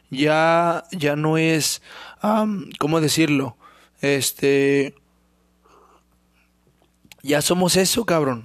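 This casual solo podcast monologue comes from a Mexican host with a Mexican Spanish accent, his throat sore and hoarse from illness. He rambles and swears freely, pausing often to clear his throat, in a voice that sits a little high. The audio is studio quality with no echo.

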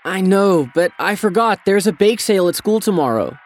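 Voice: mid-range voice, animated, normal speed, natural voice. A voice actor playing a cheeky young son. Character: young son telling his mom about a problem.

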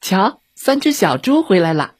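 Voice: mid-range voice, very animated, moderate pace, husky, no room sound, studio quality, voice pushed up. A storyteller voicing a clever, cheeky little girl who feigns innocence, in a children's audio story. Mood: sly.

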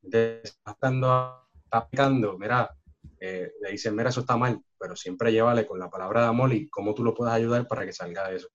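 A man who is a pastor, calmly explaining a point in a casual chat. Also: mid-range voice, fast, dull audio, music in the background. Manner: calm, explaining, preacherly.

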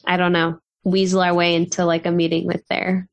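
A woman's voice: on the low side, monotone, brisk, dull audio. A woman in her thirties from Southern California, co-hosting a podcast in casual, upbeat chat with plenty of fillers and laughter. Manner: chatty, upbeat, laughs often, scattered fillers. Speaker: podcast co-host.

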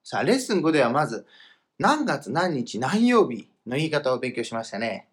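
Lively male language teacher explaining patiently. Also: medium pitch. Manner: lively, explanatory, slows down for example phrases. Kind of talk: explanatory lesson, casual podcast. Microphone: voice message recording.

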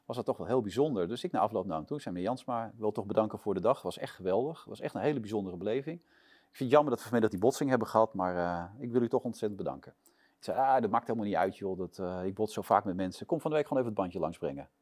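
A man tells a story at a quick clip, his voice jumping up whenever he acts out someone shouting. He sits as the guest in an interview and keeps the tale rolling. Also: on the low side. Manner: lively storyteller acting out shouted quotes. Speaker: interview guest, sports presenter. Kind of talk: animated anecdote telling.

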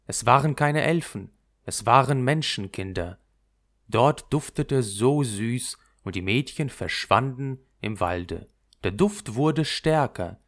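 A man reading a fairy tale aloud in an expressive storytelling manner. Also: mid-range voice. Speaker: narrator.

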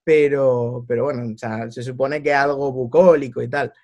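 A man, a guest chatting casually and telling stories in an animated way. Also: medium pitch, moderate pace, dull audio. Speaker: podcast guest. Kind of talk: casual chat.

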